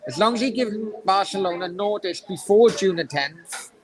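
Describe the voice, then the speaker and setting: A man's voice: high-pitched, lively intonation, normal speed, background noise. A young man in a heated casual chat, insistent and sweary, talking over the others. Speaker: podcast guest.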